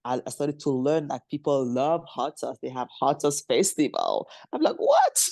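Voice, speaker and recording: A woman's voice: a bass voice, wildly swooping pitch, measured pace, vocal fry, mellow, no room sound. A woman from Congo, a guest on a podcast interview, telling her story in loose non-native English, laughing often and acting out the voices of people she quotes. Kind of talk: conversational interview.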